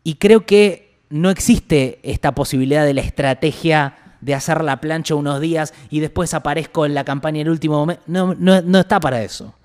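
A man's voice: on the high side, brisk, few pauses, darkish tone. A man with an Argentine Rioplatense accent, co-hosting a casual political chat, blunt and exasperated, swearing freely. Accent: Argentine Rioplatense Spanish. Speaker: political podcast co-host.

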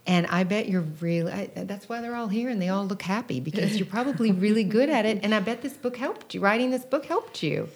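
A woman's voice: medium pitch, brisk, few pauses, darkish tone. Chatty, enthusiastic middle-aged woman host. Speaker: interview host. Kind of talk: conversational interview.

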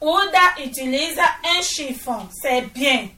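Female primary teacher, high bright voice, patient and measured, repeats answers; recorded off-mic in a classroom. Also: expressive, distant mic. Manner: patient, repeats each answer back and praises. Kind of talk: slow, deliberate classroom instruction. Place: classroom with pupils. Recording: echoey room, voice off-mic.

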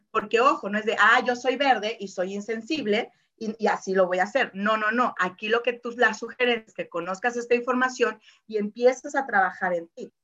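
A woman's voice: medium pitch, sharp tone, lo-fi sound. A woman giving a casual informal lesson, chatty, full of fillers and tag questions, acting out quoted voices. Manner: acts out voices in quoted asides. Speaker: presenter explaining personality colors.

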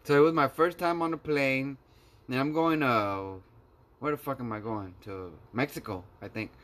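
A man's voice: mid-range voice, normal speed, fairly bright tone. A man telling stories in casual chat, slangy and full of swearing.

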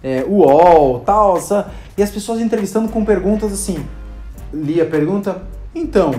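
This Brazilian hospital clown and video creator tells stories in a high-pitched, animated, mellow voice at a moderate pace, with a Brazilian Portuguese accent. The recording is reverberant with soft background music, and his casual chat is full of fillers and acted-out quotes.

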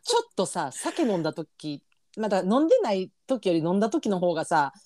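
Female podcast co-host, Kansai accent, casual chat with very animated intonation in a dry, close recording. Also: medium pitch, fairly quick, dry recording.

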